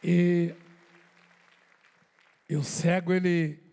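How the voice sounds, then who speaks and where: A man's voice: high voice, level tone, drawn-out words, creaky, warm tone, clean tone, a faint crowd. A man with a Brazilian Portuguese accent preaching a sermon in a conversational way, with rhetorical questions and repeated words.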